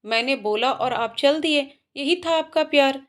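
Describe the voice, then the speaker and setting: A woman's voice: high voice, unhurried. A woman voicing a shy, bashful young female student who teases in a told story. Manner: shy, soft-spoken. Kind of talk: storytelling voices.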